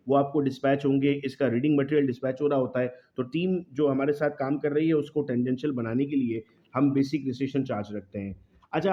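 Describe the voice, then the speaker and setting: A man giving a video lecture on English grammar mistakes. He calls his students "beta" and slows down to read example sentences word by word. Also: medium pitch. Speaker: English teacher. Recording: slightly dull lo-fi audio.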